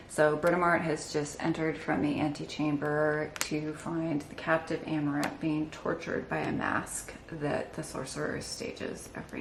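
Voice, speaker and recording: Lady walking through her stitching project, low gravelly voice, echoey room w faint hiss. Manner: enthusiastic, explanatory, wry asides. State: out of breath from holding a heavy piece. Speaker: embroidery channel host. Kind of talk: casual show-and-tell narration. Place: indoor room with windows.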